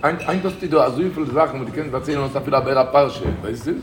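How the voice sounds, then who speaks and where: A man's voice: mid-range voice, fast talker. A man giving an informal rabbi's talk to a group, emphatic, repeating his key phrases and rising into bursts of emphasis. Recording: echoey room with loud background noise.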